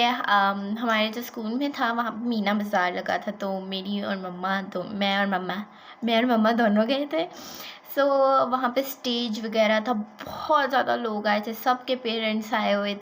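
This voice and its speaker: High-voiced chatty woman storyteller. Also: slight background noise. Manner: animated, chatty storytelling mixed with English words. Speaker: vlogger. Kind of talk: casual storytime vlog.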